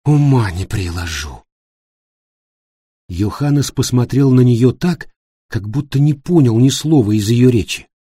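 A male audiobook narrator with a husky, dark, medium-pitched voice reads scripted narration at normal speed. The recording is dry and studio-clean.

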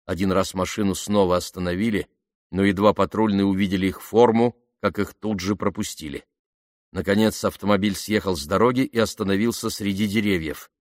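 A man narrating an audiobook with even, measured storytelling. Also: low voice, no echo, clean studio sound.

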